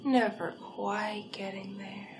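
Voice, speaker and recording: A woman performs an ASMR hypnosis roleplay in character as a hungry, seductive vampire villainess, poised and hypnotic, with a soothing mood. Her delivery is very slow, breathy and deliberate, often slipping into whispers, at a medium pitch with fairly even intonation and some background noise.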